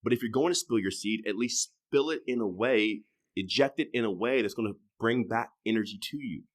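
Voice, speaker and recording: With a fairly low pitch and a fairly quick pace, this podcast guest, a man in his thirties, keeps things loose and sweary. He jumps between loud, emphatic bursts and quiet asides that trail off.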